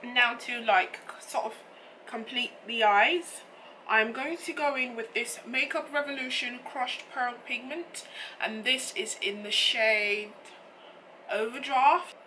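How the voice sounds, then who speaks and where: A woman with a slightly croaky, froggy voice, chatting casually and informally as she explains a makeup tutorial step by step. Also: a little high, slow pace, pushed and bright, a little hiss or hum, rough recording. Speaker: makeup vlogger.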